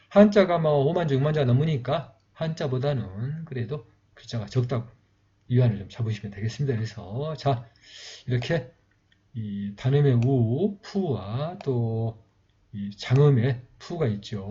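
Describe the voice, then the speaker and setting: A man teaching how to write an old script, explaining calmly step by step with frequent fillers. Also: medium pitch, lo-fi sound. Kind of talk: recorded writing lesson.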